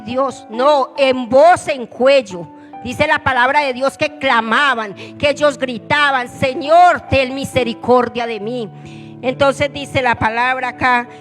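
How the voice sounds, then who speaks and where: A woman's voice: high voice, fairly bright tone, long reverb tail. A woman church leader preaching a fervent sermon and putting questions to the congregation.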